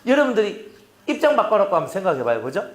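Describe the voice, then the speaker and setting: A man's voice: high-pitched, wildly swooping pitch, quick pace. A male pastor preaching a sermon, often acting out quoted voices and talking with his congregation. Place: church.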